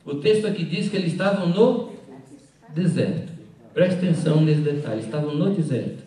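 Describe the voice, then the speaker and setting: A man's voice: on the high side, animated, normal speed, dark tone. A man preaching a sermon to a conference of pastors, emphatic and asking the listeners questions directly. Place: large hall at a pastors' conference. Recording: echoey hall, voice from far off.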